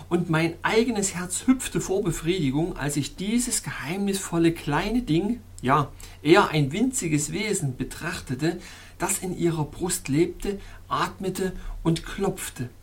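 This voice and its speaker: A woman narrating a fairy tale in a calm, measured reading with a husky voice. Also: low-pitched. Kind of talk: storybook narration.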